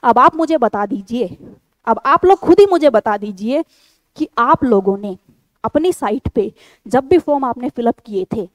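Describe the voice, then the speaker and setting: A woman's voice: fairly high pitch, lively intonation, unhurried, dry recording, poor audio. A woman tutoring exam candidates online, talking straight to her viewers in a firm, insistent way and repeating her key points. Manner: addresses viewers as a group. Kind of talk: direct-to-camera instructional talk.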